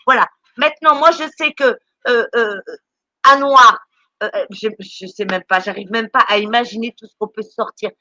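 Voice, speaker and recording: Bright high-voiced woman stammering angrily. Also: normal speed, no echo. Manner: stammering, repeats words; indignant, scolding. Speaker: charity volunteer speaking on a live stream. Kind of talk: impassioned live-stream rant.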